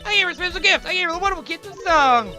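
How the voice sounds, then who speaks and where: Squeaky, pompous ventriloquist dummy. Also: male voice, animated, racing, sharp tone, soft background music, full character voice. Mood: boastful. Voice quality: squeaky, strained in the throat. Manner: pompous, brash. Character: pompous, rude male ventriloquist dummy in love.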